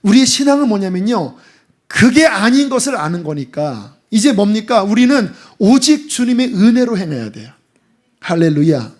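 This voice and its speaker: A middle-aged man preaching a sermon as pastor, lively and emphatic, at times dropping to a hushed voice. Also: sits high, moderate pace. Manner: animated preaching, drops to hushed voice for acted asides.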